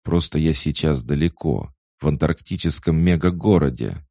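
A man with a deep, gravelly voice playing a desperate young man who pleads urgently with his sister, his voice breaking. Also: normal speed, warm tone, dry recording, studio quality, exaggerated voice.

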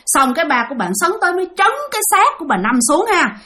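A woman's voice: high voice, very animated, quick pace, bright, forceful tone. A woman with a Southern Vietnamese accent narrating a ghost story in a chatty way, talking directly to her listeners.

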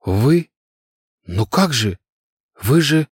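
A man voicing a frightened young servant girl who cries out in a high, pleading voice. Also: big pitch swings, drawn-out words, husky, dry recording, studio quality, exaggerated voice. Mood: bewildered.

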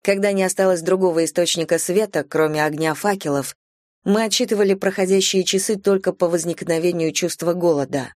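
A woman narrating a fantasy novel in the first person, in a measured storytelling manner. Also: fairly low pitch, a little mellow, dry recording, clean studio sound. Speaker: audiobook narrator. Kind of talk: scripted narration.

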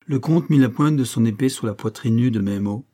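A man reading a classic novella aloud in a measured storytelling manner. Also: mid-range voice, mellow. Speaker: audiobook reader. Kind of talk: scripted narration of a classic novella.

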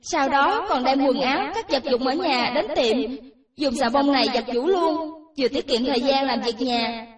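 An excitable young woman cashier in her twenties, put on by a woman narrator, talks in a high, pleading voice. She sounds a bit distant from the mic, with an echoey room around her. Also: moderate pace, natural voice. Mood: excited. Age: 20s. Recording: roomy echo, distant from mic.

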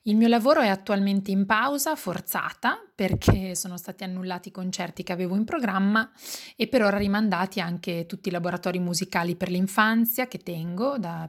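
A woman who works as an educator and musician, reading a picture book aloud for young children in an expressive way. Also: medium pitch. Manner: slow, expressive storytelling.

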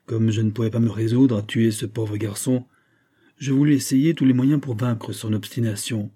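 A man's voice: mid-range voice, fairly even intonation, moderate pace, dark tone, breathy edge, natural voice. A man reading the part of a grieving old gunsmith who confides his sorrow in an emotional, storytelling way. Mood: sorrowful. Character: grieving old Genevan gunsmith, tender, despairing.

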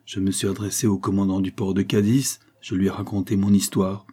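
A man's voice: low-pitched, level tone, mellow, husky. A man voicing a melancholy young convict. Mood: grave. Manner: grave, measured, sorrowful.

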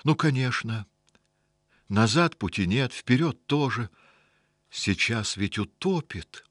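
A man voicing a small, timid male house spirit in a storybook, talking in a hurried, anxious way. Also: medium pitch, lively intonation, a bit bright, no echo, studio quality, pitched above the performer's own voice.

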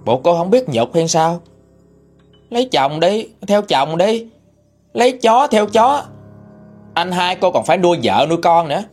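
A man's voice: high voice, big pitch swings, measured pace, pauses often, a little mellow, soft background music, voice pushed up, exaggerated voice. Man doing a sneering spiteful sister-in-law. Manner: sneering, taunting.

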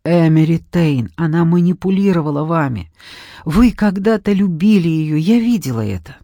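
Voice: medium pitch, expressive, moderate pace, warm tone, no echo, lightly acted. A reader voicing a young woman apprentice mage who pleads earnestly, frightened yet determined. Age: young adult. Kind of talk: audiobook reading.

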